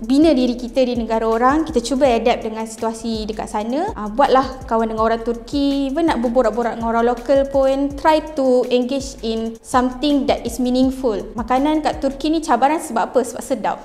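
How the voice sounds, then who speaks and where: A woman's voice: a little high, brisk, hardly any pauses, darkish tone. A young woman from Malaysia with a Malaysian Malay accent, chatting casually to camera about living abroad, mixing in English words and laughing easily. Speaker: vlogger.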